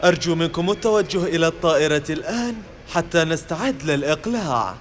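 A man's voice: a little high, animated, fast, slight background noise. A man reading a formal, courteous airline-style cabin announcement to young children on a pretend flight. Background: music.

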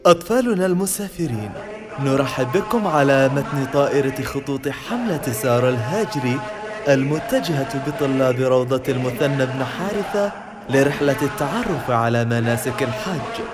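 A man's voice: medium pitch, lively intonation, moderate pace. A man reading a formal, courteous airline-style cabin announcement to young children on a pretend flight. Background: music.

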